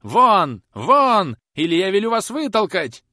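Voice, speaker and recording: A man reading an audiobook aloud, voicing a vindictive, croaking old woman housekeeper who screeches her spite. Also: fairly high pitch, sing-song, fairly quick, fairly bright tone, no echo, clean studio sound, voice pushed up. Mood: screeching. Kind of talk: audiobook character voice.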